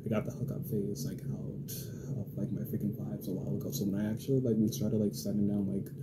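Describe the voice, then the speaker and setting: A man's voice: on the low side, level tone, quick pace, very noisy. A young man telling a story in a casual, rambling way, full of fillers and swearing, getting heated. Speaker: vlogger.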